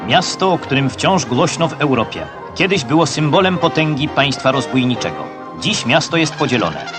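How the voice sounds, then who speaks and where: Man, old newsreel narrator, formal measured delivery, mid-pitched voice, loud music underneath. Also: big pitch swings. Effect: old newsreel soundtrack.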